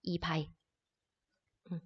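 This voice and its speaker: A woman teaching an introductory language lesson, explaining words patiently step by step. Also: slow pace. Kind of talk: recorded classroom lesson. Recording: dull lo-fi audio with long reverb.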